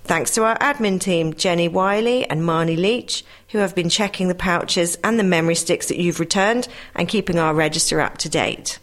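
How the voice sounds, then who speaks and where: Measured woman presenter, lowish voice. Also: a bit bright. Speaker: talking newspaper presenter. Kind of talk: read-aloud announcements and joke.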